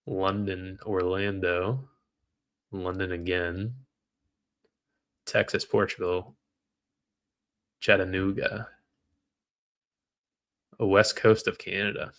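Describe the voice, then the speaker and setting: A man's voice: low voice, little pitch movement, slow pace, long pauses, fairly bright tone. A man trading live on a stream, reading out viewer comments and venting when trades go against him. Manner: frustrated, talks to chat while reading comments. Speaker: livestream trader.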